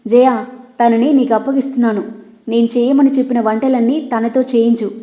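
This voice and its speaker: A woman's voice: on the high side, fairly even intonation, moderate pace, mellow, natural voice. A woman reading as a harsh scolding grandmother. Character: stern domineering old grandmother. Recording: roomy, dull lo-fi.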